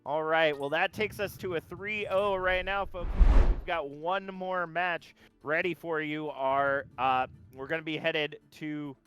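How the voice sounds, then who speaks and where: A man casting a live esports match, chatty and relaxed, with frequent fillers and restarts. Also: a little high, measured pace, few pauses, soft background music, poor audio. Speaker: esports caster. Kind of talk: live play-by-play commentary.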